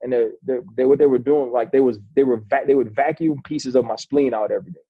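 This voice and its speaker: A man's voice: mid-range voice, fast talker, slightly rough, dry recording, muffled recording. A man in his forties, a former football player, telling a long personal story in a casual interview, talking loosely with many restarts and calling the host "bro".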